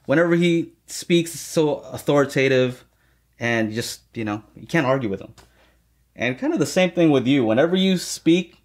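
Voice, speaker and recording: A man's voice: medium pitch, lively intonation, moderate pace. A man hosting an interview, asking casual questions in an enthusiastic, chatty way. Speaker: interview host.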